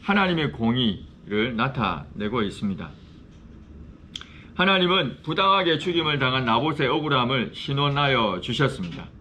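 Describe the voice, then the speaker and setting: A man, a pastor, teaching a Bible study class in a church classroom. He explains in a measured way and poses questions to his students. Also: medium pitch, big pitch swings, bright, forceful tone, a little hiss or hum.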